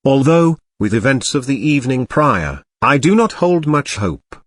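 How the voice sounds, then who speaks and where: A man's voice: mid-range voice, sing-song, unhurried, no room sound. A man voicing Bobby, a prim snarky robot cat. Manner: formal, archaic wording with dry sarcasm. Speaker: commentary narrator. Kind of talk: scripted drama-news commentary.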